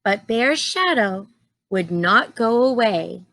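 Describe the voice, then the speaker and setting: Reading a kids' storybook aloud, this woman sounds like a teacher: deliberate, expressive, and mid-range in pitch. She slips in simple comments and questions for her young audience, and the audio has no echo.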